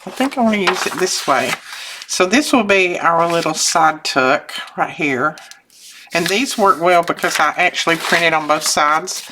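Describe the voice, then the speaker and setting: An older craft channel host with a remarkably deep voice chats at a measured pace and with lively intonation while she crafts at her desk. Her talk is warm and meandering, full of self-interruptions and frequent chuckles, and her voice is slightly thick from sinus issues. The audio carries obvious background noise and small clicking sounds.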